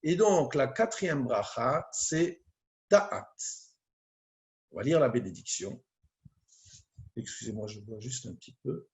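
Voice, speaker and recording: A man, a rabbi, teaching a prayer text in a slow, deliberate way, reading Hebrew phrases and translating them one by one. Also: mid-range voice, lively intonation, a little mellow.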